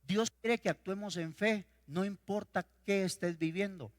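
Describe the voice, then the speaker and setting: A male pastor preaching a sermon, swinging between loud declarations and quiet storytelling. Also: high-pitched, normal speed. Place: church sanctuary. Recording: reverberant church hall.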